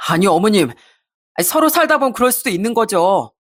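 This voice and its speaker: A woman's voice: mid-range voice, big pitch swings, fairly quick. A woman voicing a petty, defensive middle-aged husband who talks back sulkily and dismissively. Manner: sulky and defiant, dismissive.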